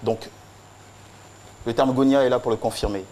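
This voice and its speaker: Solemn and measured, a male TV presenter builds his tribute around repeated phrases in a steady rhythm. His medium-pitched, dark voice holds a fairly even intonation at a moderate pace, over slight background noise.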